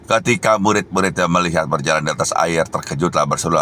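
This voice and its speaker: Very deep-voiced male preacher, emphatic. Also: quick pace, sharp tone, a little hiss or hum. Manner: tags phrases with "ya", emphatic exhortations. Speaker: evangelist preacher. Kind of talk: sermon.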